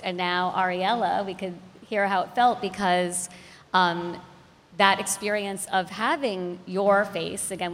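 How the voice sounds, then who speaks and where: A woman's voice: lowish voice, fairly bright tone. A woman moderating a live panel, chatty, asking long, winding questions. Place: art gallery. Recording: long gallery reverb.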